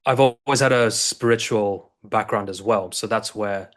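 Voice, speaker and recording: A South African coach in his thirties appears as a guest on an interview show, speaking casually in a lowish voice at a moderate pace. He tells his story loosely, rambling and restarting often.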